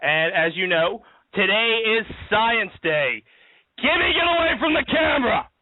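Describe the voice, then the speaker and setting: A man hosts a live-streamed comedy talk show from a backyard, joking and laughing as he rambles through the news. His voice is high-pitched with lively intonation and an unhurried pace, and the dry recording sounds tinny, like a phone.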